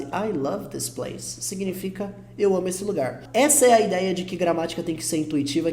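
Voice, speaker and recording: A man with a Brazilian Portuguese accent teaching an online English lesson, patient and reassuring, repeating each example slowly. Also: sits high, dark tone. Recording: roomy echo.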